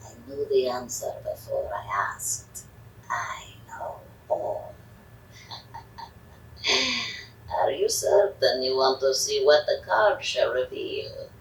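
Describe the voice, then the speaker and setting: A woman's voice: rumbling low, full character voice. Madam Zolta, a woman playing a theatrical fortune-teller. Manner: dramatic, whispery, commanding. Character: theatrical female fortune-teller medium, grandiose. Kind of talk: Halloween audio drama. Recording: echoey room, distant mic, faint noise.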